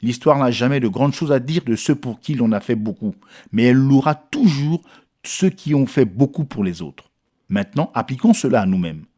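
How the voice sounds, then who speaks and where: A man's voice: mid-range voice, expressive, moderate pace, warm tone. A man reading a sermon text aloud in French, earnest and preacherly. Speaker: reader of a sermon book. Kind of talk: read-aloud sermon exposition.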